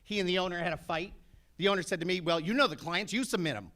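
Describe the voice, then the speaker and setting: Fifties guy on a panel, brash and jokey, kinda high voice, tells stories big. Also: fast. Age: 50s. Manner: brash, animated storyteller with comic asides. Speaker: actor on a panel. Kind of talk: panel talk to an audience.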